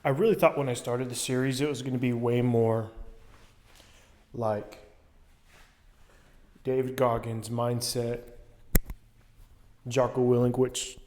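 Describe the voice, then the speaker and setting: A man's voice: medium pitch, fairly even intonation, takes it slowly, long pauses, dark tone. A man recording a casual personal vlog, talking in an earnest, reflective way. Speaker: vlogger documenting a cold plunge challenge.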